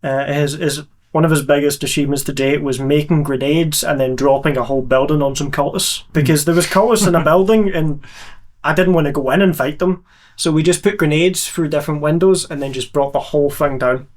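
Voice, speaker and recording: A man's voice: on the high side, steady tone, a little fast. A man who plays on a live tabletop show, making dry, playful jokes in casual chat. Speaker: player on a live game show.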